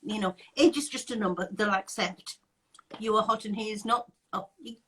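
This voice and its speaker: A woman's voice: mid-range voice, normal speed, fairly bright tone, breathy edge, rough recording. An English woman co-hosting a live chat, talking in a wry, chatty way and laughing at scammers. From England. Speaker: co-host.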